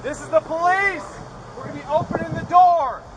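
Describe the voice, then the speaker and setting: A police officer shouting loud commanding orders to a trailer through a megaphone. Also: male voice, very high-pitched, brisk, background noise.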